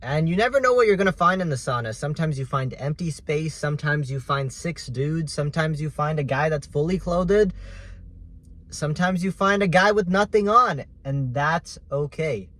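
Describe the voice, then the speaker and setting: A man telling a casual story in a vlog, animated, swinging between loud bursts and quiet asides. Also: on the high side, moderate pace. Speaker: vlogger.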